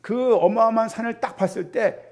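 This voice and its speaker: A middle-aged man preaching a sermon as pastor, talking in an animated way and putting rhetorical questions to the congregation. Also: very high voice, brisk.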